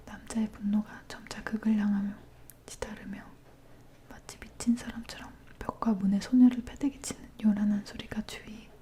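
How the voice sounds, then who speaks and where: A woman leaning in close to the ear microphone, reading a dark story aloud in a breathy, hushed ASMR whisper. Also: medium pitch.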